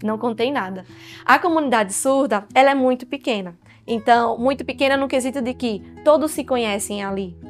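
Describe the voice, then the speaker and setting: Young woman, Brazilian accent, university student, emotional storytelling, fairly high voice. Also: a little fast. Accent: Brazilian Portuguese. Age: young adult. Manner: emotional, storytelling with quoted dialogue. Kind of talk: personal documentary interview. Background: faint guitar music.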